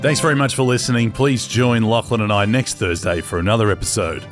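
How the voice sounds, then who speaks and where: A man co-hosting a comedy podcast in a relaxed, chatty way. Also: on the low side, fairly quick, faint music behind. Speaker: podcast co-host. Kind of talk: casual podcast chat.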